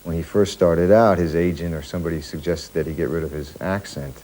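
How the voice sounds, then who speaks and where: A man with a very deep, mellow voice tells an anecdote in a casual way. His tone is dark and relaxed. He speaks loosely, with small fillers. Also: brisk. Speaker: interviewee.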